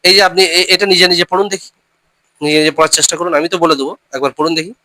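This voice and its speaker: A male teacher walks his students through recitation rules step by step, spelling out letters and syllables slowly before repeating them. His voice is bright and a little high. The recording is dry and close, with no room sound around him. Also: steady tone, no echo, low-quality recording. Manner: reminds listeners often to remember the rules.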